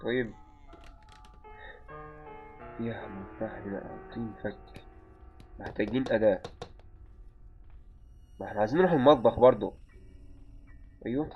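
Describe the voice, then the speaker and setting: A man's voice: fairly low pitch, moderate pace, pauses often. A man with an Egyptian accent commenting as he plays a game, muttering to himself and yelping when startled. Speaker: gaming channel host. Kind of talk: live let's-play commentary. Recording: muffled lo-fi recording with faint game music.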